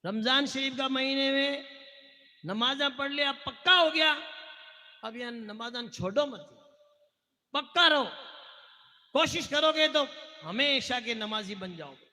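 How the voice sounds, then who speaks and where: A man's voice: extremely high pitch, unhurried, pauses often, pushed and bright, long reverb tail. A man preaching a fervent sermon in a Marwari accent, urging the crowd to respond and breaking into sung verses.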